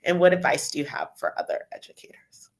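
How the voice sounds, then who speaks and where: A woman moderating a panel discussion, calmly summarizing what was said and reading out audience questions. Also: on the low side, fast talker, whispered.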